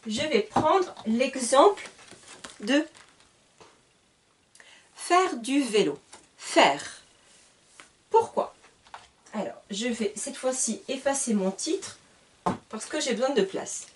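A patient woman teacher explains grammar at a whiteboard, taking her time over every word. Her voice sits a little high and is heard from some distance, as if from a camera across the room. She spells endings out letter by letter and stops to correct herself. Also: animated, takes it slowly, pauses often, slight background noise. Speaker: French teacher. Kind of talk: slow whiteboard grammar lesson. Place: classroom at a whiteboard. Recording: voice a little far from the mic.

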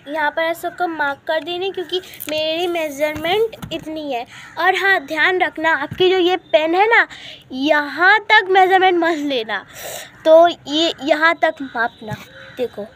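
A woman's voice: extremely high pitch, fairly bright tone, a little hiss or hum. A woman hosting a casual step-by-step craft tutorial at home, chatty and calling viewers guys, repeating her instructions as she works. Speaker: craft video host.

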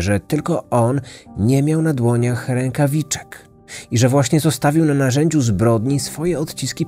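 A man reading a scripted true-crime story in a measured, dramatic way. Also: mid-range voice, mellow. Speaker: podcast narrator.

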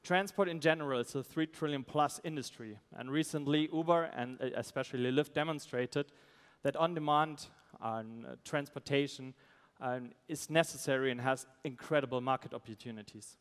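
A man, a startup founder giving a halting, pitch on a conference stage. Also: smooth. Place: stage in a large event hall. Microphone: headset. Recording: amplified voice in large reverberant hall.

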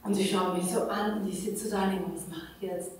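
A woman's voice: lowish voice, steady tone, fast. Woman pastor telling stories in an echoey hall. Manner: chatty storytelling, acting out her own inner dialogue. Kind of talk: sermon told as a personal story. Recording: roomy hall, voice from a distance.

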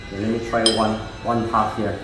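A man's voice: lowish voice, level tone, a little fast. A man in his forties making a casual food vlog at a restaurant table, talking in simple broken English while he eats. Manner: talks with his mouth full, simple broken English, mixing in Vietnamese. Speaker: vlogger. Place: small private room in a restaurant, indoors. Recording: echoey room with music playing.

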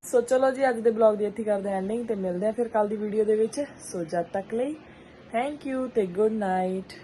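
Speaking at a normal pace with a medium-pitched voice, a Punjabi-accented mother in her thirties chats casually with viewers and family while narrating her home vlog. Household and outdoor sounds are clearly audible behind her.

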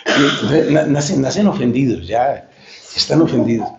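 A man giving an animated, joking lecture-style talk as a friar preacher, who searches for words and mocks the voices he quotes. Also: medium pitch, moderate pace, gravelly, heavy background noise. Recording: echoey lo-fi room recording.

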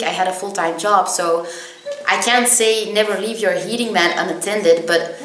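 A woman's voice: medium pitch, fairly bright tone. Chatty young woman in an echoey room. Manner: chatty, many ums, laughs at herself. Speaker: vlogger. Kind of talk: casual storytelling to camera. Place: small indoor room with plain wall.

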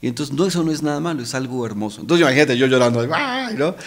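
A middle-aged man speaks openly and earnestly in a mid-range voice. He talks in a warm-hearted, emotional way, stumbling over repeated words and tagging questions onto the ends of his sentences, the way guests do in a relaxed podcast interview. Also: mid-range voice, rapid-fire. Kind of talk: casual heartfelt conversation. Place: podcast studio.

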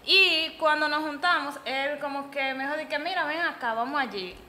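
High-voiced young Dominican woman, animated. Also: normal speed. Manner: animated, laughing while telling stories. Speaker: panelist in a group chat. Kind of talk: casual chat, storytelling. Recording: echoey room with noise.

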